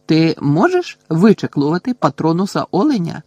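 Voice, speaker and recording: A man voicing a curious schoolgirl who speaks slowly and carefully in an audiobook. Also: a little high, very animated, dark tone, breathy edge, no echo, pitched above the performer's own voice. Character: curious schoolgirl with a long braid.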